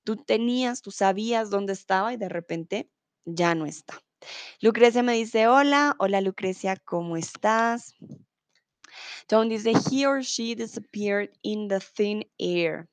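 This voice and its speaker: A young adult woman teaching a live online Spanish lesson, reading out chat comments, explaining words slowly and clearly and laughing easily. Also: medium pitch, no room sound.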